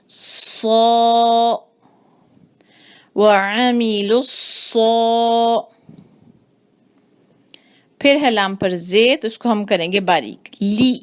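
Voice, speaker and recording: Woman patiently teaching Quran recitation. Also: mid-range voice. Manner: slow, demonstrates sounds by repeating them. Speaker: tajweed teacher.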